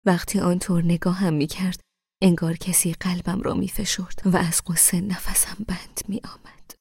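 A woman narrating a novel in the first person, soft and often near a whisper. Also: on the low side, slightly rough, dry recording, studio quality. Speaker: audiobook narrator.

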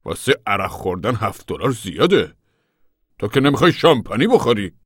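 A man voicing a gruff middle-aged farmer father who talks bluntly and loudly. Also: on the low side, big pitch swings, no echo, studio quality.

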